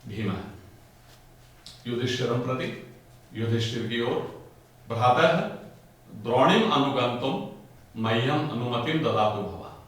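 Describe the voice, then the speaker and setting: A man teaching a Sanskrit play: he reads each line and then explains it slowly, repeating it in simple words. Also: medium pitch, lively intonation, fairly bright tone. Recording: roomy, echoey sound from a distant mic.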